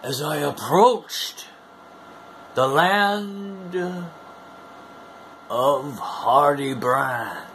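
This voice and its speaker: His voice leans high, expressive and fairly bright, with a little hiss or hum in the recording. This wrestling fan video host, a man in his forties, performs a theatrical promo to camera from a small room at home, playing a bombastic showman who draws out words and whoops suddenly.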